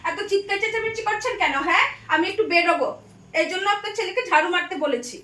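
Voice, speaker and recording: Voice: extremely high pitch, fast. A child playing a bossy young wife in a comic family skit, who talks back curtly to her mother-in-law. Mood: irritated. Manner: coaxing, then curt and defiant. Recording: echoey room, far mic, loud music behind.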